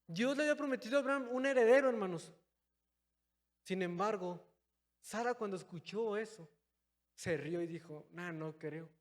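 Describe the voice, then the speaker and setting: A young man preaching a sermon in a church, calling his listeners brothers and moving between loud, stressed phrases and quiet, low asides. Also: normal speed, long pauses. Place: church hall. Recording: long hall reverb.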